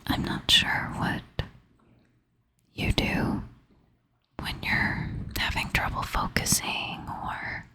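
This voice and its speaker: A woman speaks almost entirely in a breathy whisper, sometimes rising to a soft half whisper. She takes her time, slow and unhurried, and sounds sleepy and tired. Her whisper has a bright, crisp edge. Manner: soft, slow, intimate whispering with gentle laughs. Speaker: ASMR creator. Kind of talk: ASMR whispered chat to the viewer.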